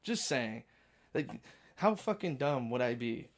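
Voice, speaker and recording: A male live streamer in a casual rant to his chat, animated and swearing, acting out quoted lines. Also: medium pitch, a little slow.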